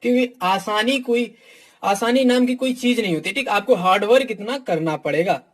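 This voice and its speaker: At a normal speed and in a high voice, a male coach casually reviews books for exam students. He shares his views bluntly and frankly, speaks straight to the students as "my dear", and fills nearly every phrase with "ठीक".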